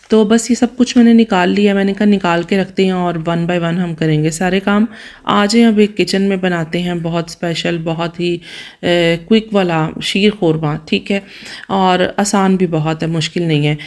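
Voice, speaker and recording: A woman from Pakistan with a Pakistani Punjabi accent, hoarse and tired, chatting to viewers in a home vlog voice-over. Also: lowish voice, fairly even intonation, moderate pace, a little mellow. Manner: chatty, addresses viewers directly, asks their opinion. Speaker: vlogger.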